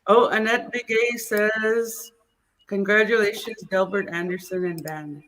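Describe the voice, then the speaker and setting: A woman with a First Nations Cree accent hosting a casual interview show, haltingly searching for her words. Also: medium pitch, fairly even intonation, a bit bright, poor audio. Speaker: host.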